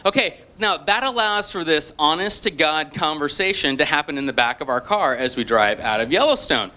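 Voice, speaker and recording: A middle-aged man from Portland, Oregon, telling a stand-up comedy story on stage with punchy, deadpan asides. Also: on the high side, moderate pace. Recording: noisy live club recording. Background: audience laughter.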